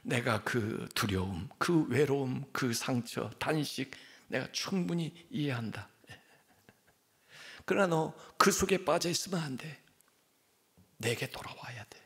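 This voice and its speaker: A man doing God's gentle fatherly voice. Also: mid-range voice, expressive, unhurried, pitched below the performer's own voice. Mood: tender. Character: God, a firm, fatherly voice calling back.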